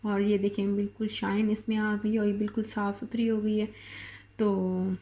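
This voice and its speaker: A woman's voice: mid-range voice, little pitch movement, normal speed, mellow. A middle-aged woman from Pakistan with a Pakistani Urdu accent and a sore throat, chatting in a casual home vlog from her kitchen with many fillers and restarts. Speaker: vlogger.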